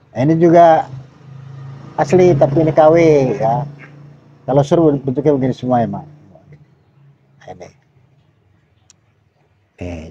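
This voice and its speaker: An older retired man, the channel's host, slowly showing his old microphones in a rambling, casual way with many fillers. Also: medium pitch, dark tone, dry recording. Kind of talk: casual show-and-tell about microphones. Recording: dull lo-fi dry sound.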